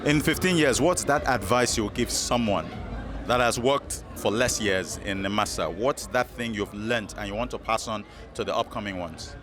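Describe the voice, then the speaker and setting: A man's voice: lowish voice, normal speed. A man working as a casual event interviewer. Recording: music behind interview.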